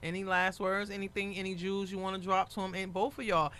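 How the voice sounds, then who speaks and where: A man hosting a radio interview in a studio, his voice pitched high and bright with a crisp, clean tone. He keeps it loose and playful, full of street slang. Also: level tone, fast. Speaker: radio and podcast host. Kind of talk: casual interview chat.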